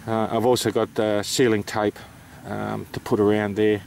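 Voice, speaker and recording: An Australian man talks through practical details in a low voice with very little melody. He is unscripted and hesitant, explaining things in a plain, matter-of-fact way. There is some noise behind him. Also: level tone, normal speed, gravelly, darkish tone. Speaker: amateur radio operator presenting. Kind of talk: informal explanatory vlog.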